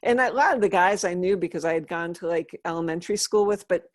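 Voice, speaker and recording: Low-voiced woman telling stories, dry sound. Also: fast talker, dry recording. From Western Massachusetts, USA. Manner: chatty, laughing, with restarts. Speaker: interview guest. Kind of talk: casual storytelling.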